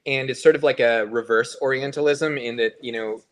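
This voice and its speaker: A man's voice: mid-range voice, fairly even intonation, a little fast, fairly bright tone. Male band member, mid-range voice, rambling casual podcast chat. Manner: rambling, hedging, full of fillers and restarts.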